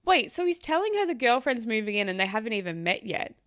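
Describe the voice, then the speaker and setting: A woman hosting a casual reaction chat, animated and outspoken, who swears freely and talks straight to her viewers. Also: on the high side, fast talker, no room sound, studio quality. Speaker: host reacting to online stories.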